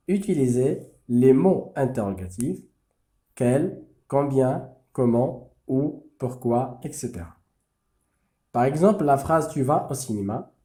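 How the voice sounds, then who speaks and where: A man with Arabic as his first language, teaching a French grammar lesson slowly and deliberately. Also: mid-range voice, dark tone. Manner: slow, deliberate explaining with drawn-out examples.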